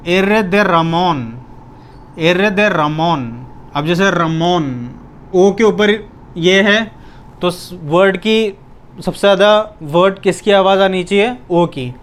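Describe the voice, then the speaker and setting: A male language teacher giving a pronunciation lesson, repeating each word slowly and answering his own questions. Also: high voice, a little hiss or hum.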